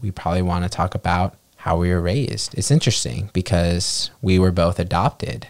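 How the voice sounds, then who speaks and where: Deep-voiced man chatting casually. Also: normal speed, creaky, dry recording. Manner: relaxed, lots of "like" fillers. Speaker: podcast co-host. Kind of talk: casual chat.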